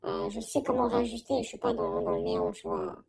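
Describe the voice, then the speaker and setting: A woman's voice: a little high, wildly swooping pitch, fast, over a noisy crowd. A young woman giving a casual, slangy testimonial in an informal conversation. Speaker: coaching client giving a testimonial.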